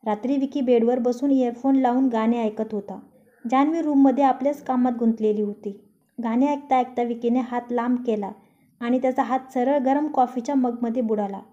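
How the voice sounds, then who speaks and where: A woman narrating a story aloud in a steady, even reading voice. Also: fairly high pitch, normal speed. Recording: dull lo-fi recording.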